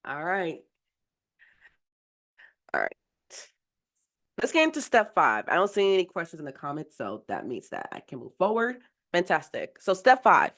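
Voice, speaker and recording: A software engineering mentor, recovering from a cold, teaches a live mentoring session in a casual, rambling way full of fillers and restarts. Her fairly low, fairly bright voice swoops wildly in pitch, moving at normal speed with frequent pauses.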